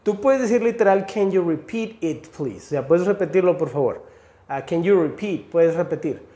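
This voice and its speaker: Mexican man, native Spanish speaker, slangy casual teacher, mellow tone, echoey room. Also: high-pitched, expressive, moderate pace. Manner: slangy, addresses viewers as "chavos" and "señores"; reads phrases off a screen. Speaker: English teacher. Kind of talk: casual video lesson.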